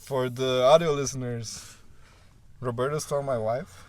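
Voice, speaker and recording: A man with an average-pitched voice, casual podcast banter. He throws out teasing, deadpan questions to provoke the others. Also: a little slow. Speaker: podcast co-host.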